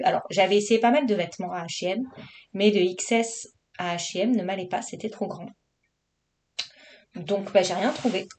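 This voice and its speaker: A woman's voice: medium pitch, a little mellow. A woman from Marseille, chatting casually and rambling in her vlog with lots of fillers. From Marseille, southern France. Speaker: coloring vlogger. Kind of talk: casual chat.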